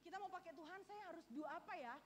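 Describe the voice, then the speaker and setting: Woman preacher, high voice, rapid delivery, fervent sermon, long hall reverb. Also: a little hiss or hum. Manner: storytelling with acted quotes, rising to fervent exhortation. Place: church hall.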